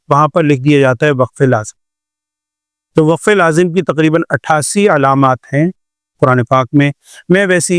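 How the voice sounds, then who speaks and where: A man's voice: a little high, clear, resonant tone, no echo, studio quality. Older male teacher, patient lecture. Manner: explains patiently with repeated examples and rhetorical questions. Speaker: Quran recitation teacher. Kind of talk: classroom lecture.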